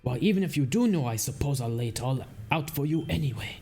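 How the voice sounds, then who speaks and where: A man's voice: medium pitch, lively intonation, brisk, warm tone, husky. A man voicing a genial, formal male ship captain in a put-on accent while reading game dialogue aloud. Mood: welcoming formal. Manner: formal, teasing, welcoming.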